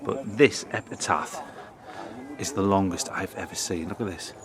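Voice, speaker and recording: A middle-aged man with a low-pitched voice strolls through an outdoor churchyard for his history vlog, speaking at a moderate pace. He talks enthusiastically and reads old inscriptions aloud, with a crowd audible behind him. The outdoor recording is noisy, with birds in the background.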